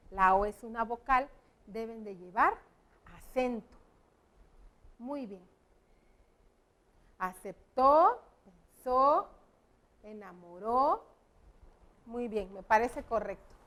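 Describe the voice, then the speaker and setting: A woman teacher, patiently explaining a lesson to schoolchildren slowly and clearly. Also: fairly high pitch, fairly bright tone. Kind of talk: classroom lesson for children.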